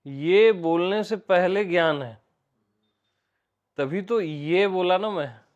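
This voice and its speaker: An Indian spiritual teacher leads a relaxed, informal satsang, speaking slowly in a voice a little high for a man. He teaches conversationally, repeating the same words and questioning the people before him. The recording's highs are cut off.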